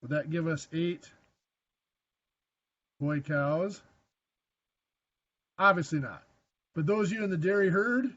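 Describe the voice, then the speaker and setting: A man's voice: high-pitched, muffled recording. A man teaching a math lesson to a class, quizzing students and making dry, self-deprecating jokes. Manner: asks the class questions. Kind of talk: classroom lecture.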